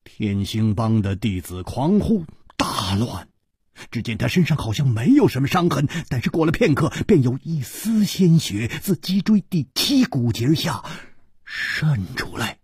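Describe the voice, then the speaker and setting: A man's voice: mid-range voice, sing-song, measured pace, a little mellow, slightly rough, dry recording, studio quality. A man narrating a martial arts novel in dramatic storytelling style, voicing every figure himself.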